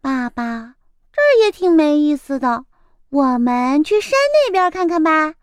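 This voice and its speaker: A woman's voice: sits high, big pitch swings, unhurried, dry recording, clean studio sound, pitched above the performer's own voice. A woman voicing a spoiled, whiny little egg girl in a children's storybook reading, pleading in a childish way.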